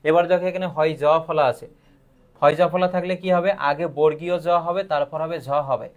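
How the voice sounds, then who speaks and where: A man's voice: on the high side, steady tone, brisk, lo-fi sound. A man teaching a live online grammar lesson, asking questions and answering them himself.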